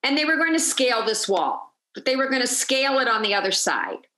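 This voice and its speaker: A woman guides a virtual tour and tells a story with energy, acting out each quoted voice. Her voice sits a little high. The sound carries a noticeable room echo. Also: sing-song, a little fast, pushed and bright.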